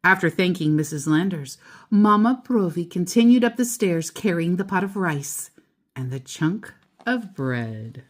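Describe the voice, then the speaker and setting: A woman with a fairly low voice reads a children's picture book aloud, going deliberately and stressing key words expressively.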